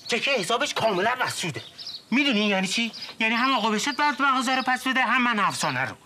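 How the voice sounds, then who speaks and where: A man's voice: extremely high pitch, big pitch swings, sharp tone, slight background noise, exaggerated voice. An actor playing a scheming young man who keeps pleading and making excuses in a comedy series. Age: young adult.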